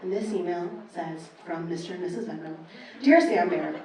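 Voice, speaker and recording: On a live comedy club stage, a stand-up comedian in her thirties tells stories with animation, acting out exchanges and dropping some swearing in a brash, casual style. Her voice is lowish and warm, at a moderate pace. The recording is distant and echoey, with slight background noise.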